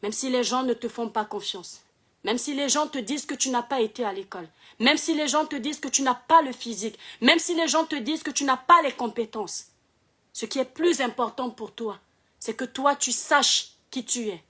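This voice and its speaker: A young woman, hoarse from shouting, giving preachy motivational advice and repeating phrases for emphasis. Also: high-pitched, moderate pace. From Cameroon. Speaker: online personality. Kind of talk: motivational video monologue.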